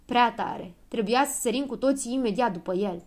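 A woman's voice: a little high, darkish tone, lightly acted. A woman voicing a grumpy little dwarf man who grumbles and sounds suspicious. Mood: grumbling.

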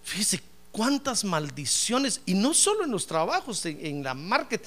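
A man preaching a sermon as pastor, with animated delivery that swings from low asides to loud praise, often calling listeners "brother". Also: unhurried. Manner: addresses listeners as "hermano". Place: church.

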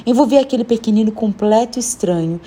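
Husky woman reading a story aloud. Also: a little high, a little fast. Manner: first-person reading with lively voiced dialogue. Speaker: narrator. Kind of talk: storybook narration.

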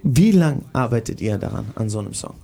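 A man's voice: mid-range voice, big pitch swings, brisk, gravelly, warm tone, slightly rough. A man hosting a casual studio chat, rambling and searching for his words. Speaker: host.

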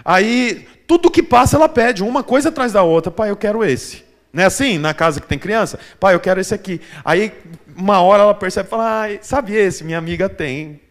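A man's voice: high-pitched, expressive, fairly quick. A man preaching a sermon to a small church congregation, acting out the voices of the people he quotes. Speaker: pastor.

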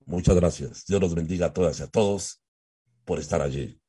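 A man teaching a lecture on voice technique, animated and demonstrative, drawing out vowels as examples. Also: low voice, moderate pace, breathy edge. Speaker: voice coach.

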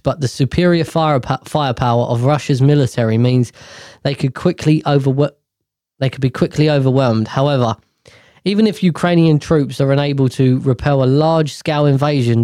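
A man casually reading news stories aloud, tripping over words and breaking off into irreverent, swearing tangents. His voice sits at a middling pitch. The recording is dry, with no room sound. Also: warm tone, no echo. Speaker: podcast host.

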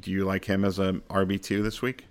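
A man's voice: low-pitched, flat delivery, fairly quick. A man co-hosting a fantasy football podcast in casual chat, rambling and laughing at his own jokes.

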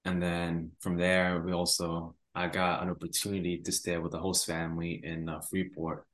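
A young man from Rwanda with a very low, deep voice answers interview questions in a relaxed, halting way. He pauses often and leans on fillers as he talks. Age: young adult. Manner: hesitant, many "uh" and "like" fillers. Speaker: guest, university student.

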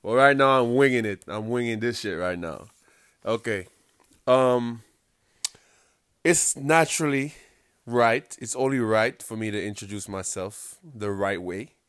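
On his own casual podcast, a young Jamaican host with a Jamaican accent rambles profanely, laughing often and peppering his speech with "um"s. His voice is fairly low and smooth, recorded at studio quality with no room sound.

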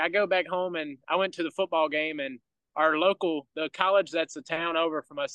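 This is a casual interview with a young baseball player from rural Georgia whose Southern country accent colors his laid-back, chuckle-filled stories as a podcast guest. His pitch is fairly high and his tone fairly bright, captured in a dry, low-quality recording.

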